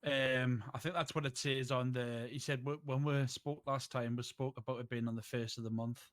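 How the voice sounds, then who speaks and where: A man's voice: mid-range voice, fairly even intonation, normal speed, no echo, studio quality. A man playing a business owner in a roleplay, easygoing and giving short replies. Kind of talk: in-character roleplay chat.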